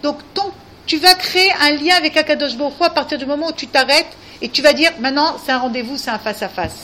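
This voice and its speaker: A woman's voice: high-pitched, fast, sharp tone, slight background noise. A woman giving earnest spiritual guidance to a group, coaxing and often asking if they understand. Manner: earnest, coaxing, repeats questions. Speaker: religious teacher.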